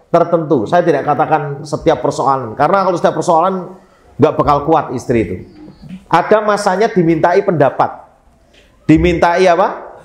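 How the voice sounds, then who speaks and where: A man preaching a sermon in a lively, joking way. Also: on the high side, echoey room. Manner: lively, joking with Javanese phrases.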